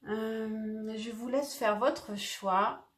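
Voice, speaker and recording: A woman's voice: on the high side, steady tone, very slow. A woman doing a casual tarot reading, talking hesitantly with lots of fillers and restarts. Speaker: tarot reader. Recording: echoey room.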